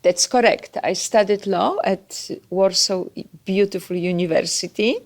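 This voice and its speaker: A woman from Poland with a Polish accent, a podcast guest chatting about her life and career with pauses and fillers. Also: mid-range voice. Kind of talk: podcast interview.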